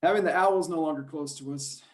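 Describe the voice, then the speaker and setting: A high school sports radio play-by-play announcer talks casually and naturally in an interview. His voice is fairly high-pitched and brisk.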